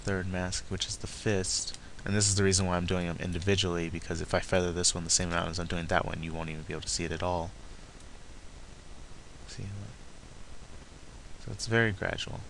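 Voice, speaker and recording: Flat low guy doing a screen tutorial, step by step and kinda halting, keys clicking. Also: creaky, a little hiss or hum, rough recording. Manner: halting, talks through each step as he does it. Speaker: tutorial presenter. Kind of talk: step-by-step software tutorial narration.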